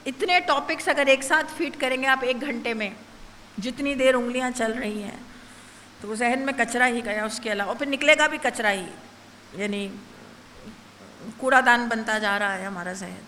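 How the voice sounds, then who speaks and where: A woman's voice: a little high, sharp tone. A woman giving a religious lecture at a women's gathering, earnest and asking the listeners rhetorical questions. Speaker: zakira reciting at a women's majlis. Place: gathering hall. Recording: long hall reverb, faint noise.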